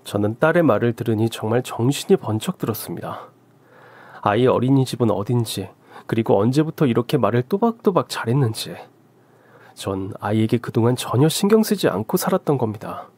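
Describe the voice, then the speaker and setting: A man's voice: medium pitch, lively intonation, a little fast, darkish tone, husky, dry recording. A man in his forties narrating his own story in the first person, earnest and emotional.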